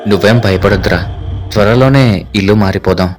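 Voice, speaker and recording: A man's voice: lowish voice, brisk, close to an everyday voice. A man voicing a curious, uneasy young man in a horror story, speaking in a questioning way. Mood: reassuring.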